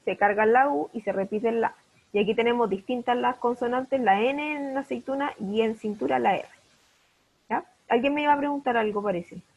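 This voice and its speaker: A woman's voice: a little high, normal speed, darkish tone, highs cut off. A woman teaching an online primary school class, patiently checking understanding with repeated questions. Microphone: video call.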